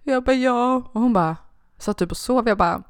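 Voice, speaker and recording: A young woman chats casually on a podcast and tells a story, slipping into little performances of what everyone said. Her voice is smooth and clear, and the sound is dry and close. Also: fairly high pitch, no echo. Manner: animated, acts out quoted dialogue with "jag bara". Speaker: podcast co-host.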